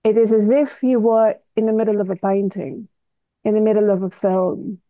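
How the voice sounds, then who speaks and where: A woman in her fifties from Russia, speaking English with a Russian accent as an interview guest, measured and deliberate, searching for words. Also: mid-range voice, little pitch movement, dark tone, no room sound. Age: 50s. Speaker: guest artist. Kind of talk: interview answers. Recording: tinny phone-like line, dry.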